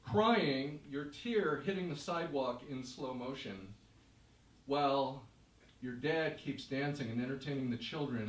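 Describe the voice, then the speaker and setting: A man's voice: medium pitch, slight background noise. A man performing a vivid live story on stage, narrating emphatically in the second person. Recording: roomy stage, distant mic.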